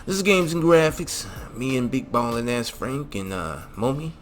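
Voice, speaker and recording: A mid-range male voice comes across very animated at a moderate pace. The speaker, a gaming channel host, gives a casual, slangy mod tutorial for a video game, with music playing underneath.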